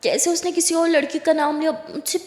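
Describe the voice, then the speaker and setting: A woman's voice: sits high, level tone, brisk, pitched above the performer's own voice, close to an everyday voice. A woman voicing a jealous, hot-tempered young woman in a told love story. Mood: sulky. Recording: echoey room, long reverb.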